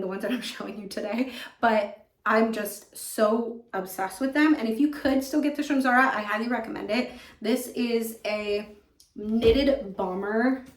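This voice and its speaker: A young American woman chats casually and gushingly as a fashion vlogger, repeating words for emphasis, recorded in an echoing bathroom without an external microphone. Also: a little high. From California. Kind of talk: casual chatty favorites vlog. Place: indoors in a home bathroom.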